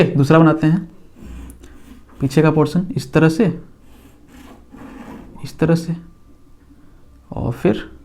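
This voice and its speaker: A man's voice: on the high side, mellow, a little hiss or hum. A man teaching a physics lesson in a casual, patient way, drawing on a board as he talks and often checking that the class follows.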